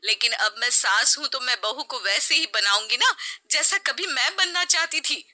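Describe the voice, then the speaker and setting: A woman voicing a kind middle-aged mother-in-law who speaks softly and patiently. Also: sits high, expressive, normal speed, pitched above the performer's own voice, exaggerated voice. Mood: gentle. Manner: soft, patient, explaining.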